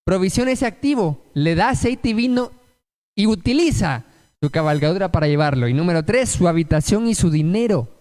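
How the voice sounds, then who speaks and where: A man's voice: high voice, animated, brisk, a little mellow. A man preaching a sermon, emphatic and asking the congregation rhetorical questions.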